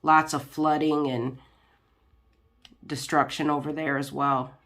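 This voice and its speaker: A low-pitched woman with a stuffy, nasal voice from a cold talks loosely to her viewers as she crafts. She wanders from thought to thought, filling pauses with ums and restarting sentences. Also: little pitch movement, fairly bright tone. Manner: rambling, many ums and restarts. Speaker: crafting channel host. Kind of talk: casual chat while diamond painting.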